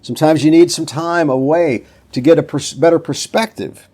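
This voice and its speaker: A man's voice: on the high side, moderate pace, dark tone. A man in his seventies hosting a casual motivational talk, telling folksy stories and acting out what people said. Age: 70s. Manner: folksy storyteller, acts out quotes. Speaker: podcast host.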